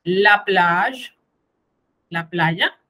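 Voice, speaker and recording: A woman teaching a French vocabulary lesson, who says each French word slowly, then translates it and patiently explains the spelling. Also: fairly low pitch, bright, forceful tone, low-quality recording.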